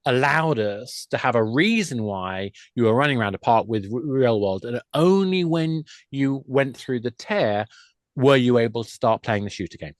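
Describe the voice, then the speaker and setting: Here a middle-aged games industry expert appears as a podcast guest, speaking expressively in a mid-range voice at a moderate speed. He chats about his work conversationally, often poking fun at himself. It's studio-quality audio without echo.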